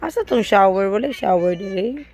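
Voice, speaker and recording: A woman with a Cebuano accent films a relaxed home vlog in a room of her house, coaxing her toddler and dropping in easy English words for the child. Her mid-range voice is a little mellow, with lively intonation and a moderate pace.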